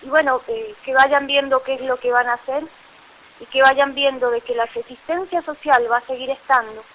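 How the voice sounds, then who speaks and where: A woman's voice: sits high, steady tone, normal speed, dull audio. A woman from La Rioja, Argentina, with an Argentine accent, recounting events urgently as an activist in a radio interview. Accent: Argentine Spanish. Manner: urgent, indignant testimony with many fillers. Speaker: community activist.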